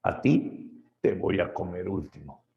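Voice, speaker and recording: A man voicing a huge man-eating cyclops, brutish and mocking, in slow, drawn-out tones, in an echoey room. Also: sits low, big pitch swings, gravelly, highs cut off, heavily acted. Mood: menacing.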